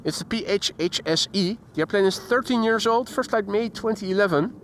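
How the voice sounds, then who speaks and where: This live streamer, fairly high-voiced, a little fast and a bit bright, chats casually outdoors near an airport and calls out viewers by name as he drifts between topics. Faint traffic and voices hum in the background, picked up by the mic on his camera.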